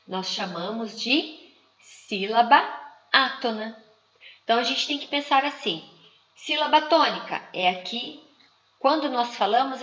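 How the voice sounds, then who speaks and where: A woman giving a slide lecture to teachers, speaking in a slow, didactic way and drawing out example words. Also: fairly high pitch, a bit bright. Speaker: teacher trainer. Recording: muffled, echoey room.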